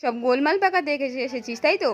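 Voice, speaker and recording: A woman's voice: high-pitched, quick pace, lightly acted. Woman reading an earnest young wife.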